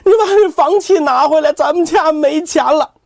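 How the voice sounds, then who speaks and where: A man's voice: very high-pitched, moderate pace, darkish tone, no room sound, clean studio sound. A man voicing an anxious boy of eight or nine, crying out urgently and pleading. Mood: desperate.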